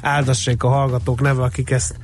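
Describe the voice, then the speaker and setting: A man's voice: mid-range voice, flat delivery, creaky, faint music behind. A man co-hosting a bantering morning radio show, with self-mocking, mock-formal wordy phrasing. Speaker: radio co-host.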